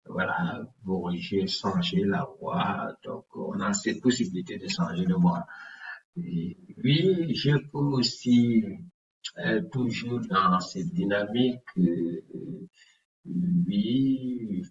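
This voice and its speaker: Low, slow, hesitant man in a roomy room. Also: slight background noise. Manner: hesitant, with frequent restarts. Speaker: tutorial host. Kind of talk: casual screen tutorial. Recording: roomy, distant, dull sound.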